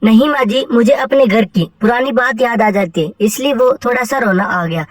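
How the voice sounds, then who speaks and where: A woman's voice: on the high side, normal speed, no room sound, natural voice. Woman doing a humble young cartoon bride. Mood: sad. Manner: soft, pleading. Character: young married daughter-in-law, gentle and humble.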